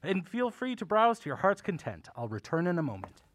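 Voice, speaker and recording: Here the same kind of role, a genial, theatrical old uncle with old-fashioned manners who keeps a curiosity shop in an audio drama, comes across as courteous. The man's voice sits high, swoops wildly in pitch and moves at a brisk clip.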